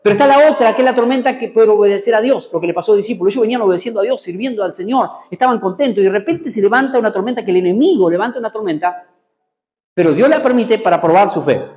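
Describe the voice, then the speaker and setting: A man's voice: high voice, animated, racing, roomy sound, highs cut off. A man preaching a sermon in a church, prompting the congregation to repeat after him and answer amen. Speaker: pastor. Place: church hall.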